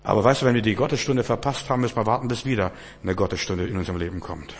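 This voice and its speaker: A man preaching a sermon in church, swinging from hushed low passages to loud, fervent outbursts and often stammering restarts. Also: racing, husky. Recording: long church hall reverb.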